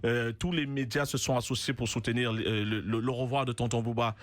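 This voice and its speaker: A man hosts a relaxed morning radio show from a studio, his pitch sitting in the middle range. He talks casually, stumbles through fillers and repeated words, and breaks into laughter easily. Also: fairly quick, no echo. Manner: hesitant, many fillers and restarts, laughs easily.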